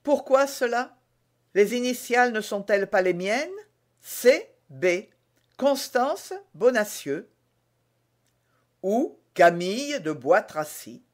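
A man doing an anxious young Frenchwoman, high. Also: animated, slow pace, long pauses. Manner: pleading, urgent. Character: young woman, secretive, anxious and impatient. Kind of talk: audiobook reading.

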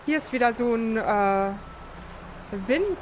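A woman's voice: fairly high pitch, animated, slow pace, a little mellow, a little hiss or hum. A woman hosting a let's play, giving casual gameplay commentary and thinking aloud with fillers.

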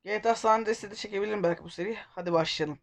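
A man's voice: sits high, rapid-fire, creaky. A man hosting a casual let's-play, rambling, joking and correcting himself as he goes. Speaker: gaming video host.

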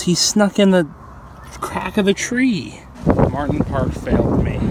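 A young man narrating a wildlife vlog in the field, talking casually and enthusiastically into a handheld phone. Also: medium pitch. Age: young adult. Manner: informal, enthusiastic, addresses animals as buddy. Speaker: wildlife vlogger. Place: outdoors in woods and by ponds. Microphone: handheld phone at arm's length. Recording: outdoor handheld recording with background noise.

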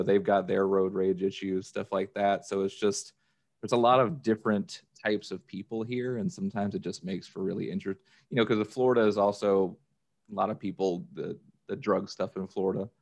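Calling in to a podcast over remote video from a room indoors, an American man shares relaxed, anecdotal chat. His voice is lowish, creaky and darkish in tone.

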